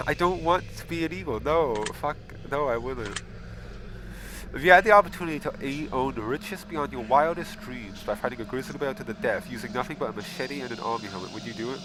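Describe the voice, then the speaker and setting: A man hosting a casual gaming video, reading questions aloud and answering them bluntly, with frequent swearing and loud exasperated outbursts. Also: medium pitch, a little fast, background noise. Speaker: gaming channel host. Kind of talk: casual game commentary.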